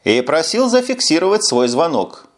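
A man's voice: on the high side, very animated, moderate pace, voice pushed up. A man voicing a young male duty officer who explains himself nervously and apologetically in an audiobook. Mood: apologetic.

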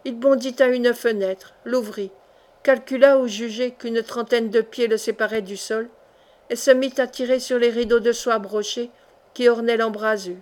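A woman narrating a classic adventure novel in a measured, expressive audiobook reading. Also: on the high side. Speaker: audiobook reader.

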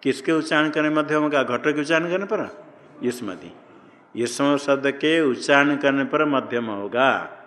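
A man teaching Sanskrit grammar in a slow classroom lecture, posing questions and answering them himself. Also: mid-range voice, a bit bright. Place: ashram classroom. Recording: long hall reverb.

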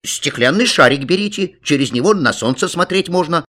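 A man voicing an eager little boy in a children's story, shouting with joy. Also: a little high, expressive, fairly quick, pitched above the performer's own voice. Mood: excited. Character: excited little boy turning seven. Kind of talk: storybook reading.

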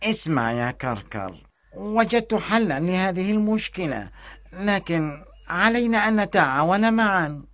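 Whiny, high-pitched fox. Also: male voice, animated, a little slow, a bit bright. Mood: urgent. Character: anxious, self-pitying young male fox. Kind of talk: children's storybook voice acting.

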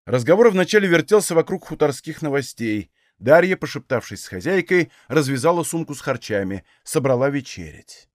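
A man reading a novel aloud as an audiobook narrator, measured storytelling. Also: on the high side, very animated, no room sound, studio quality. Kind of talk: scripted narration.

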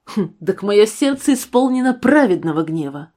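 A woman's voice: mid-range voice, sing-song, normal speed, mellow. A woman reading the part of a resentful, hot-tempered young man who argues heatedly in a storybook reading. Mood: scornful. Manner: heated, argumentative.

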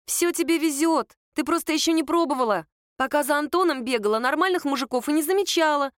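A cheerful young woman friend from a storybook, voiced by a woman narrator, coaxing and upbeat, bossy toward her little brother. The voice is pitched high and sounds close and dry. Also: fast, dry recording, close to an everyday voice.

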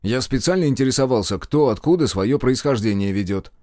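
A man's voice: mid-range voice, lively intonation, fairly quick, a little mellow, no echo, clean studio sound, pitched above the performer's own voice, natural voice. A male audiobook reader voicing a cheeky young man who answers earnestly and a little insolently. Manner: earnest, defensive, casual. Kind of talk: audiobook character voice.

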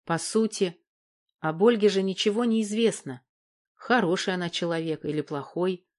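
Woman narrator, lower voice, audiobook, even, measured storytelling. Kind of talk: scripted narration.

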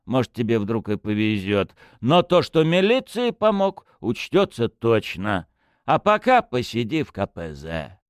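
A man's voice: medium pitch, wildly swooping pitch, a little slow, clear, resonant tone, no room sound, clean studio sound, pitched above the performer's own voice. A man voicing a stern male police chief who talks in curt commands.

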